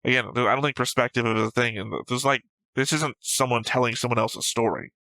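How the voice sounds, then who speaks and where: Fast and sharp, this man's medium-pitched voice holds a steady tone as he debates matter-of-factly on an anime reaction show he co-hosts, picking points apart. The audio is poor, with no room sound.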